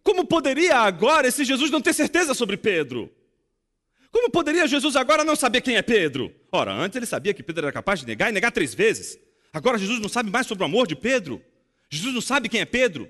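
A male pastor with a Brazilian Portuguese accent preaches a sermon in a high, animated voice that swoops up and down as he acts out dialogue and asks rhetorical questions. His words ring with the long reverb of a large hall. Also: fast.

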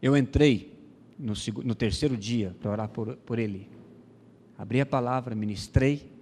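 Brazilian missionary pastor telling a testimony. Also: male voice, mid-range voice, darkish tone, long reverb tail. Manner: storytelling with quoted dialogue, many pauses and fillers. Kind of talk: sermon testimony.

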